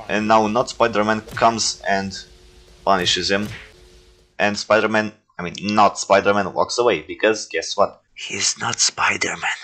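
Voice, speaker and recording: Man, deep voice, toy-film creator reacting to his past work, loose and self-mocking, jokey asides. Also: fairly even intonation, unhurried, a bit bright. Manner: rambling, self-deprecating, joking. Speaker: stop-motion filmmaker reviewing his own movies. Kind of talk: casual reaction commentary.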